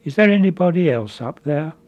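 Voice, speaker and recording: A man preacher voicing a desperate man clinging to a tree on a cliff face, shouting pleas for help. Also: fairly high pitch, sing-song, a little slow, gravelly, slightly rough, dull audio, pitched above the performer's own voice, exaggerated voice. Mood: pleading. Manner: pleading shouts.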